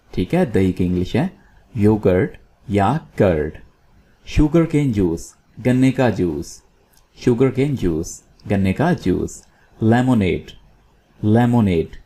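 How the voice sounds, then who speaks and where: A man teaching English food words in Urdu, repeating each word slowly for learners to copy. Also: lowish voice, warm tone. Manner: slow, drilling words by repetition. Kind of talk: vocabulary lesson in Urdu.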